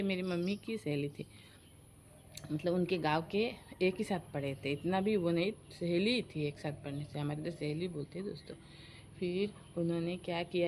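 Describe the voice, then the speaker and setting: A woman in her forties chats straight to her viewers, telling a long family story. She is animated and slips into her relatives' voices when she quotes them. There is a faint hiss of noise behind her. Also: on the low side.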